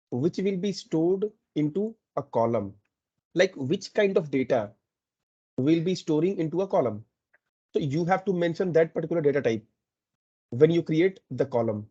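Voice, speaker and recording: A man teaching a programming lesson, explaining step by step and often checking in with a quick "okay". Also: on the high side, warm tone, slightly rough, dull audio. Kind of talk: screen-recorded coding lesson.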